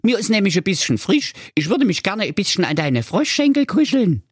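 A man's voice: high voice, big pitch swings, brisk, husky, no room sound, clean studio sound, pitched above the performer's own voice, full character voice. A man doing a cheeky pushy frog. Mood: wheedling. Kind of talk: comic fairy-tale parody reading.

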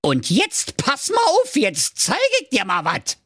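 A man's voice: high voice, wildly swooping pitch, a little slow, bright, forceful tone, slightly rough, no echo, clean studio sound, pitched above the performer's own voice, heavily acted. A man voicing a hot-tempered ninja with a strong Berlin accent, brash and insulting. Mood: angry.

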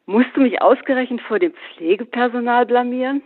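A gruff, irritable older father, read out by a man who barks his words. The sound is thin and phone-like. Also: extremely high pitch, brisk, voice pushed up. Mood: indignant. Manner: barking, indignant. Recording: phone-like narrow band.

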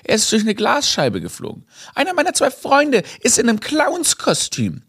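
A young man hosting a podcast, telling a comic story in a lively way, dropping English phrases and laughing at himself. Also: very high voice, normal speed, husky, no room sound, studio quality. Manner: animated, mixes in English phrases and laughs at his own story. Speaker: podcast host.

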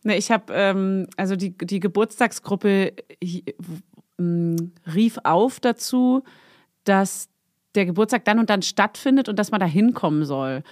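A young woman co-hosting a casual chat podcast, telling embarrassing stories with lots of laughter and quoting people in high, squeaky voices. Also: a little slow, no echo, clean studio sound. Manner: animated storyteller, acts out quotes in high voices, laughs often. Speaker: podcast co-host.

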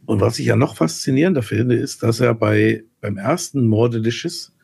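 Gravelly, raspy man speaking wryly. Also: medium pitch, moderate pace, darkish tone, no room sound. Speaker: podcast co-host. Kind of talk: casual podcast chat.

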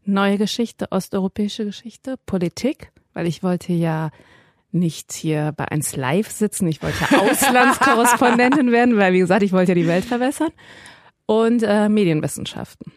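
A woman's voice: mid-range voice, normal speed, no echo, studio quality. A woman in her forties, a radio journalist, talking as a guest in a podcast interview, chatty, with many fillers and restarts. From Iranian family.

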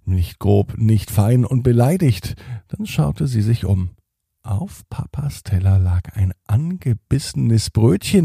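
A man narrating a children's story slowly and gently, with expressive read-aloud delivery. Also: mid-range voice, gravelly, breathy edge, dry recording, studio quality.

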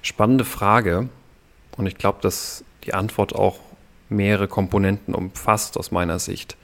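A man in a podcast conversation, calmly explaining ideas step by step as a guest coach. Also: on the low side, vocal fry. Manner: calm, explanatory, measured.

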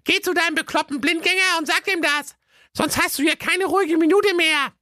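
Greedy, bossy wife in a comic audio fairy tale, a shrill scold with a very high, bright voice, put on by a man. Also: fairly even intonation, fairly quick, no echo, clean studio sound, heavily acted. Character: greedy lazy demanding wife, middle-aged woman.

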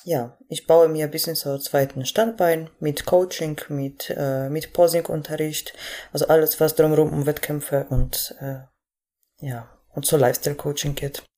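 Low, mellow young woman. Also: steady tone, moderate pace. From Poland. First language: Polish. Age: 20s. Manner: hesitant, many fillers, laughs easily. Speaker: guest athlete and coach. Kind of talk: casual podcast interview.

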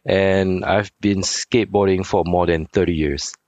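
Man in his forties, deep voice, easygoing, halting guest with a dry close sound. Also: fairly even intonation, darkish tone, dry recording. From Singapore. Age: 40s. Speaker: guest, sneaker designer. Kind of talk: casual interview chat.

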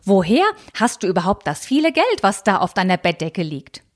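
A woman's voice: medium pitch, big pitch swings, moderate pace. A woman reading aloud and voicing a fussy, anxious, old-fashioned elderly aunt who frets about convention. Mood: fretful. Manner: fretful, scandalized, clinging to convention.

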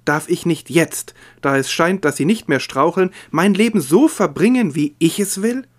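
A man reading aloud as a proud, defiant young noblewoman, his voice rising in pitch and force. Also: expressive, normal speed, darkish tone, lightly acted. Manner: impassioned, raised pitch and volume.

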